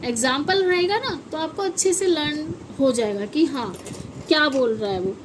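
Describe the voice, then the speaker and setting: A woman's voice: high-pitched, lively intonation, moderate pace, noisy background. A woman teaching an English phonics lesson to children. She spells words out letter by letter and asks the children to say them back. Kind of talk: classroom-style phonics lesson.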